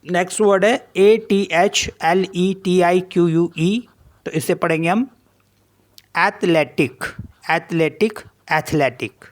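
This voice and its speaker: A language teacher talks slowly and carefully, spelling each word out letter by letter before repeating how it sounds. The voice sits at a middle pitch and keeps an unhurried, deliberate pace. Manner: spells words letter by letter, then repeats the reading; slow, deliberate explanation. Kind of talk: online language lesson.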